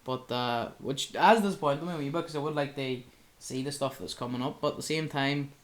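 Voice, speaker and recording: A man's voice: medium pitch, fairly quick. A young man, co-hosting a casual chat and rambling with lots of filler words. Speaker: podcast co-host.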